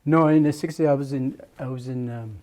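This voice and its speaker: Here a Jamaican muralist in his later years recounts his life for an oral history, restarting sentences and using lots of fillers. The voice sits in the mid range, a little mellow, and moves at a brisk clip.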